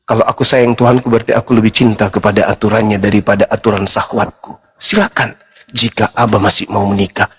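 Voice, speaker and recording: A man quoting a gentle, devout wife. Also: lowish voice, flat delivery, quick pace, breathy edge, big-room sound, pitched below the performer's own voice. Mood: earnest. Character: the speaker's devout adult wife, gentle and sincere.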